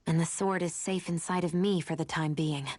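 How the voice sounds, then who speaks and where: Blunt, lowish-voiced young heroine. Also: female voice, fairly even intonation, normal speed, a little mellow, dry recording. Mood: curt, matter-of-fact. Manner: curt, matter-of-fact. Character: brisk, blunt young woman with little patience. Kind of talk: video game voice acting.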